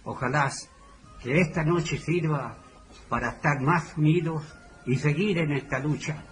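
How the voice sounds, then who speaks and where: A community elder, an older man with a Chilean accent, gives commemorative testimony in short, emphatic, declamatory phrases, partly read from notes. His voice is on the high side and unhurried, with faint music and clear background noise behind him.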